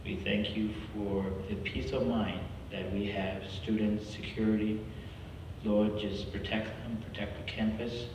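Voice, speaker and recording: A man from South Sudan speaking as a guest at a university, earnest and halting, with frequent restarts. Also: on the low side, slight background noise. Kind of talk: campus talk with prayer and personal story. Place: large hall. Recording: echoey hall from far off.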